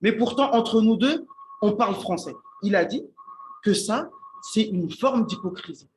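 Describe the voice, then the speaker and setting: A man teaching Arabic in an Islamic context speaks informally to friends at a meal, stumbling, restarting and repeating words as he thinks. He regularly asks "d'accord?" to check on his listeners. His voice is high-pitched with lively intonation, over a slight hiss or hum.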